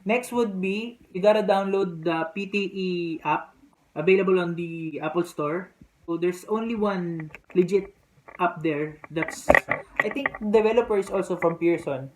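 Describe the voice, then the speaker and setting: Speaking unhurriedly in a medium pitch, this Filipino-accented vlogger from the Philippines, a native Filipino speaker, gives casual, practical test tips to the camera. Audio is poor, with clear background noise.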